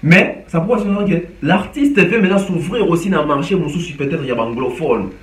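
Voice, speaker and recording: A man's voice: on the high side, brisk. A man from DR Congo, giving casual commentary on music news and mixing in Lingala with many hesitations. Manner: mixes French and Lingala, animated with frequent hesitations. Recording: echoey room, distant from mic.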